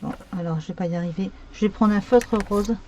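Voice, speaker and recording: With a dark-toned, medium-pitched voice and a slightly fast pace, a woman narrates a card-making tutorial as its host, rambling and thinking aloud with lots of fillers while she crafts. A slight background noise is audible.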